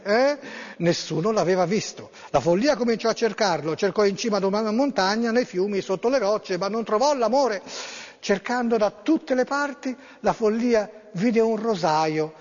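A man's voice: sits high, darkish tone. A man hosting a radio show, chatting in a rambling, hesitant way with many fillers and reading a story aloud. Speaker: radio host. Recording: dull lo-fi sound with long reverb.

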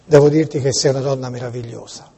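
A man with a Tuscan accent making a prank phone call, gushing with theatrical, insistent flattery. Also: mid-range voice, fast talker, husky. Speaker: prank caller.

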